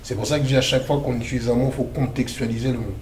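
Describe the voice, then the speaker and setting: A man's voice: medium pitch, flat delivery, very fast, a little mellow, echoey room, slight background noise. A man from the Democratic Republic of the Congo, in his thirties, speaking as an activist interview guest in a casual, emphatic, slangy way.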